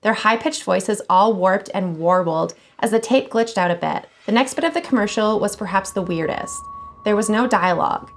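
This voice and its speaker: A woman hosting a channel where she reads scary online stories aloud, expressive and casual, swearing now and then. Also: medium pitch, normal speed. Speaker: horror story channel host.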